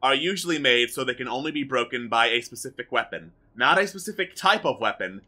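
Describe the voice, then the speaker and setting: Male game master, mid-pitched with a sharp, very bright edge, narrating fantasy adventure off the cuff. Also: animated, a little fast.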